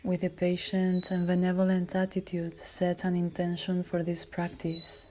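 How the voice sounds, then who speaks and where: A woman yoga teacher leads a class through guided relaxation, speaking in a calm, measured, soothing way. Her voice is soft, fairly low and sometimes breathy. The recording is very noisy.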